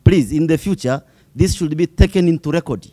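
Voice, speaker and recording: Halting Tanzanian man presenting, slightly dark voice. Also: a little high. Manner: hesitant, halting with repeated words. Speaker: youth delegate presenting. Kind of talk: semi-formal spoken presentation.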